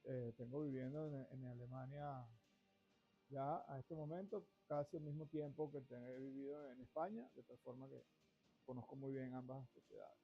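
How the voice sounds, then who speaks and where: With a steady, mid-range voice and moderate pace, a middle-aged man from Venezuela speaks to camera as host of a finance show. His long monologue is discursive and full of restarted phrases, and faint music plays under the dull, lo-fi audio.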